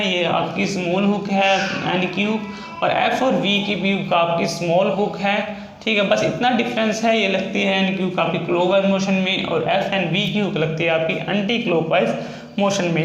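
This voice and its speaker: High-pitched man teaching in an echoey room. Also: vocal fry, fairly bright tone. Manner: explains step by step, repeats words and says "ठीक है" often. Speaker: shorthand teacher. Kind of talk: recorded classroom lesson. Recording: echoey room with faint background noise.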